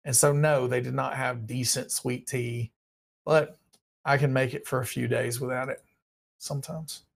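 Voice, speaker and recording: Reading out viewer questions on a casual live stream, a man in his thirties rambles through offhand answers from a small, dimly lit indoor room. His voice, partly lost and creaky, sits mid-range with fairly even intonation at normal speed.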